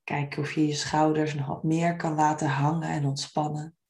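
A woman guides a meditation in a soft, soothing way. Her voice sits low and stays very even, with a creaky edge at the ends of phrases. She phrases gently and without hurry. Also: normal speed.

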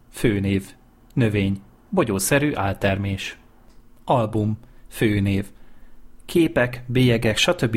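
A man reading dictionary entries aloud in a measured, list-like way. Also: fairly low pitch. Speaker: dictionary reader.

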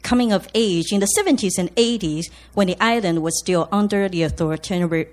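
A woman's voice: medium pitch, a little fast. A woman in her fifties from Taiwan, reading a serious personal essay on stage in an earnest way. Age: 50s. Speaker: storyteller and op-ed reader.

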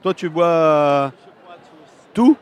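A man co-hosting a casual web radio chat, briskly presenting. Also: on the high side, animated.

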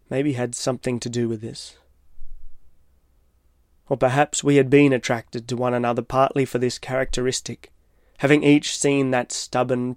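A man reading his own reflective, literary personal essay as scripted narration, in a measured way. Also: mid-range voice, clean tone, no echo, studio quality. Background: soft guitar music.

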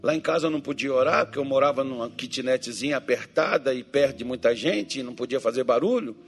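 A man's voice: mid-range voice, fast, soft background music. A man preaching a joking sermon as pastor, teasing his congregation and acting out Bible figures and churchgoers in different voices.

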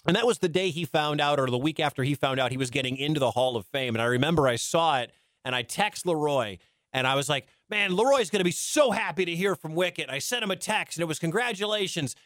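A man's voice: fairly high pitch, lively intonation, fast, a bit bright, no echo, studio quality. A man hosting a sports radio show, telling stories in a chatty, casual way and laughing often. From Detroit, grew up in Wisconsin. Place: radio studio.

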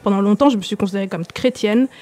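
Quick, rambling young woman co-host. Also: mid-range voice, dark tone. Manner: quick, filler-heavy, lots of 'en fait' and 'du coup'. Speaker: podcast co-host. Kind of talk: casual podcast discussion.

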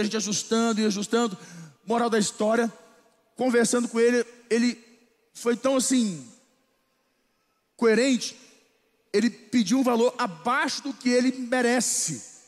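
A man with a Brazilian Portuguese accent preaching a sermon, telling a lively story and then leading a slow prayer. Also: very high voice, big-room sound. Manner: animated storytelling, turning slow and solemn in prayer. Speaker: pastor.

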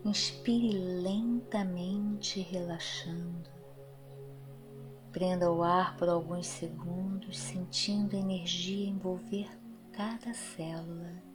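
A woman narrating a guided meditation in a soft, soothing, breathy voice that trails into a near-whisper, with long pauses. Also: on the low side, fairly even intonation. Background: music.

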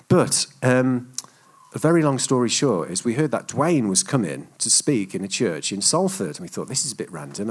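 Chatty preacher telling stories. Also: male voice, fairly low pitch. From England. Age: middle-aged. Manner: chatty, self-deprecating, tells anecdotes. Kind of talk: sermon storytelling.

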